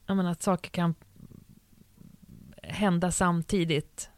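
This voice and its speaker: A woman's voice: lowish voice, fairly even intonation. A woman, chatting casually and thinking aloud about her ideas. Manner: musing, thinks aloud, gives many soft agreeing murmurs. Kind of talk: casual chat.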